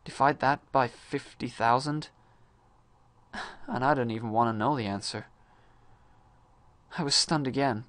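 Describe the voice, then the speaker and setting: A man's voice: medium pitch, measured pace, long pauses, a bit bright, no echo, close to an everyday voice. Man acting a theatrical, disillusioned young student, dry sound. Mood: disillusioned, brooding. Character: disillusioned young high-school man, earnest and restless. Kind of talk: dramatic monologue reading.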